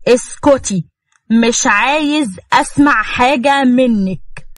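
A woman's voice: a little high, takes it slowly, dry recording, pitched above the performer's own voice. Woman voicing a hot-tempered young husband. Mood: cold.

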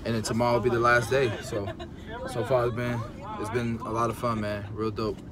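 A man hosting a barbershop vlog, excitable and joking, laughing often with his crew. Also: mid-range voice, brisk. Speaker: barber vlogger hosting a training event. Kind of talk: casual vlog chat. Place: barbershop, indoors. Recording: loud music playing behind.

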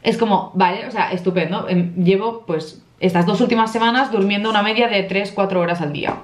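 A woman's voice: medium pitch, a little fast, echoey room. A young woman from in her twenties, worn out from lack of sleep, rambling through a casual vlog with lots of fillers and emotional asides. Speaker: vlogger.

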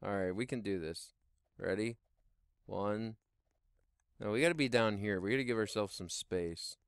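A middle-aged man doing Let's Play commentary on a headset mic in a small home room, exclaiming and shouting as he plays. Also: on the low side, moderate pace, gravelly, smooth, dry recording, clean studio sound. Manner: excitable, exclaims and shouts while playing. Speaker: gaming YouTuber.

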